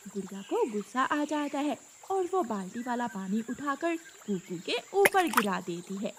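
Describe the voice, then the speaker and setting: Fields: Role: woman narrating a children's cartoon. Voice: high, lively. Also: a little slow, slight background noise.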